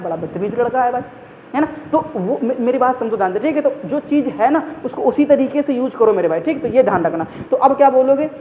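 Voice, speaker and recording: A man's voice: high-pitched, reverberant, big-room sound. Brief: friendly male grammar teacher, repetitive, muffled lo-fi recording with faint hiss. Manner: chatty, repetitive, keeps calling listeners brother; everyday examples, constant checking-in fillers. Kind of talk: casual exam-prep grammar lesson.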